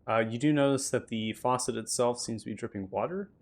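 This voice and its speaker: A man's voice: mid-range voice, fairly quick. A man narrating a tabletop role-playing game as its game master.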